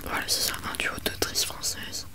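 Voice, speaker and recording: A woman presents books in a hushed ASMR library whisper, chatty and rambling with self-mocking asides. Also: moderate pace. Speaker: ASMR video creator.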